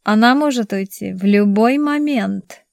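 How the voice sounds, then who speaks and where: Woman doing a cold mocking young man, slow sneer, mellow dry voice, audiobook. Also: medium pitch, creaky, dry recording. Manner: sneering, calm, drawn-out.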